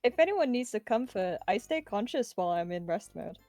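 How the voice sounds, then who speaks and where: A woman playing in a tabletop game, her pitch moving lively up and down as she talks dryly. Soft music plays behind. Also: a little fast, dry recording. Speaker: player. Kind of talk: casual tabletop role-play.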